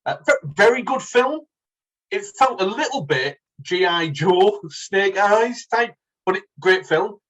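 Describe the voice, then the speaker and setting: A man co-hosting a podcast, chatting in a relaxed, hesitant way and often restarting his sentences. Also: high voice, a little slow, lo-fi sound. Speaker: podcast co-host. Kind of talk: casual chat.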